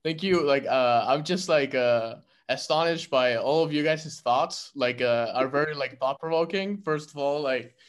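A young Argentine man, an actor in a script reading, talks casually in a group discussion with a mid-range voice. His speech halts often, full of fillers and restarts.

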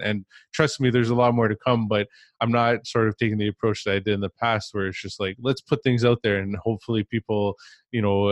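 A man's voice: fairly low pitch, no echo. A man hosting a casual podcast conversation, talking in a reflective, rambling way with many restarts. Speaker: podcast host.

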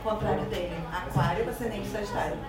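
A woman's voice: medium pitch, fast talker, distant mic, over a noisy crowd. A woman guest who reads tarot cards, talking in a laid-back, matter-of-fact way. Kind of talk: casual live podcast chat. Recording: off-mic in an echoey live room with audience.

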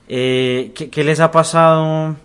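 A man's voice: fairly high pitch, fairly even intonation, slow pace, fairly bright tone, clean tone. A man, co-hosting a casual podcast, rambling and hesitant with lots of fillers. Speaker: podcast co-host. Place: studio, recorded in person.

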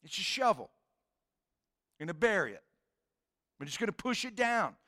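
A man preaching a sermon in a casual, animated way, with slang and acted-out quotes. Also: sits high, moderate pace. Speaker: pastor.

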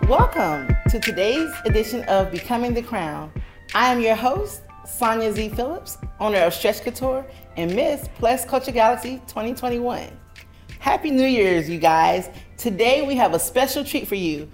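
A woman's voice: fairly high pitch, lively intonation, moderate pace, soft background music. A woman hosting an interview show, upbeat and encouraging, often chiming in with agreement. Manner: enthusiastic, affirming interjections. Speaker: host. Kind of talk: casual interview.

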